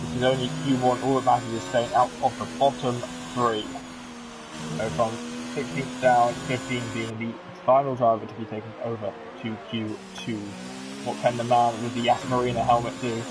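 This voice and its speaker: Excitable commentator calling a sim race over loud car engine noise. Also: male voice, medium pitch, normal speed. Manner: excitable, chatty with jokey asides. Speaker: sim racing league commentator. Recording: game engine noise under the voice. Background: racing car engine sounds from the game.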